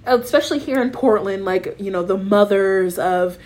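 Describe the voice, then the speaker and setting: A woman's voice: mid-range voice, moderate pace, darkish tone. An American woman co-hosting a podcast, talking casually but with impassioned, emphatic conviction and frequent swearing. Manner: emphatic, profane, speaks in repeated rallying phrases. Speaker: podcast co-host.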